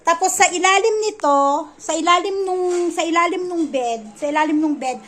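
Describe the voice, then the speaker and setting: A woman's voice: very high voice, normal speed, fairly bright tone. A woman vlogger at home, rambling through a gossipy story in a casual, chatty way and repeating herself. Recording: noisy home recording.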